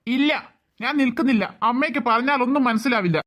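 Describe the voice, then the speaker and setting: Outspoken young man, cartoon, a woman doing the voice; blunt, mocking, quick to dismiss. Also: sits high, fairly bright tone. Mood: impatient. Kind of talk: cartoon voice acting.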